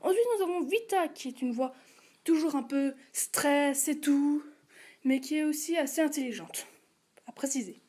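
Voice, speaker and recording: A woman's voice: high-pitched, normal speed, a little mellow. A woman hosting a casual casting-call video, listing characters and their voices with hesitant fillers and asides. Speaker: channel host casting voice actors.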